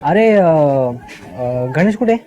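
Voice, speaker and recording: Brief: young man as a relaxed friend, a bit high-pitched, faint music behind. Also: very slow, muffled recording. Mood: casual. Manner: casual, friendly questions. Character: easygoing young male friend.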